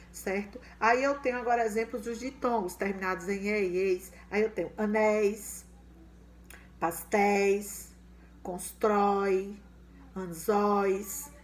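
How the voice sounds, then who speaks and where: A woman teaching a grammar lesson to young children. She ends almost every phrase with a questioning check and says the example words louder and slower. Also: on the high side, slight background noise.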